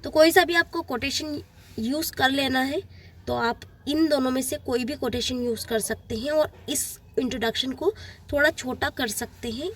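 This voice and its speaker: High-voiced woman teaching over slides. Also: husky. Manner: explains plainly, repeats key points to students. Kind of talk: exam-prep lesson over slides.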